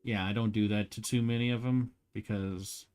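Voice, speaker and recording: A man's voice: lowish voice, steady tone, moderate pace, darkish tone, smooth, soft background music. A man hosting an art stream, chatting casually while he draws, laid-back, laughing often and swearing freely.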